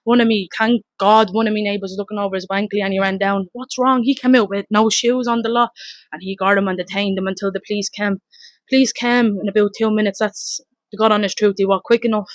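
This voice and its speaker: A woman with a Dublin accent giving a blunt, rapid, emotional first-hand account, swearing and re-enacting her shouts, outdoors in front of her home. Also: mid-range voice, steady tone, no echo. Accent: Dublin Irish. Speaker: mother telling her story.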